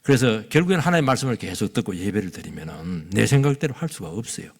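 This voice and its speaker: A middle-aged male pastor preaching a sermon in a church, swinging between loud bursts and hushed asides, sometimes acting out voices. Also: fairly low pitch, big pitch swings, quick pace, gravelly, slightly rough. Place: church sanctuary. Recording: long hall reverb.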